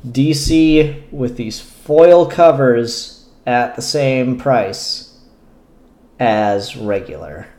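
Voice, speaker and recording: In an echoey room, a comic book reviewer and show host talks through an unscripted review vlog in a candid, rambling style with occasional swearing. He has a mid-range, slightly mellow voice and speaks extremely slowly.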